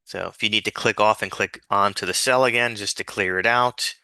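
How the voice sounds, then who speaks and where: A man's voice: lowish voice, steady tone, a little fast, sharp tone, clean tone, no echo. A man giving an informal, patient step-by-step spreadsheet tutorial, dictating things piece by piece as an instructor. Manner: dictating formulas piece by piece, spelling out letters and symbols.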